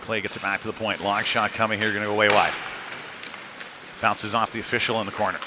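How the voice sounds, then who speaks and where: Speaking a little fast with a fairly low, flat pitch, a man narrates a youth ice hockey game live. His clipped phrases trail into asides over the clatter and game noise of a busy rink.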